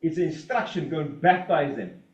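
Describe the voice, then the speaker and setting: Animated man preaching in a roomy space. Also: fairly high pitch, moderate pace, dull audio. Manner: animated, emphatic, mocking asides. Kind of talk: sermon. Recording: roomy echo.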